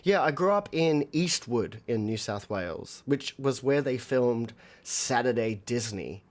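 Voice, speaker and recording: A man's voice: medium pitch, expressive, unhurried. An Australian man, a musician streaming a live album reaction, rambling with many fillers and talking to his viewers.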